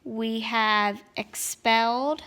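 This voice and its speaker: A woman with a fairly high voice and a gravelly edge walks through grammar answers at home. She talks slowly and patiently, the way a teacher does while going over a worksheet. Her delivery stays steady and explanatory. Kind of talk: grammar lesson walkthrough.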